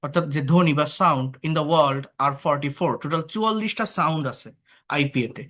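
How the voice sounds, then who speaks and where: Teaching English online, the tutor from Bangladesh sounds a little high and fairly bright. He takes his time explaining, poses rhetorical questions to students, and blends English words into what he says.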